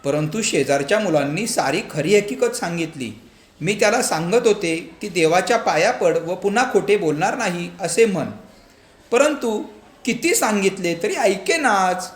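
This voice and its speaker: Man reading as a strict loving mother, scolding, lively rising voice, roomy echo. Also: high voice, normal speed, voice pushed up. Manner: scolding, insistent. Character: stern but loving village mother. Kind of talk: storybook reading. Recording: echoey room, faint background hum.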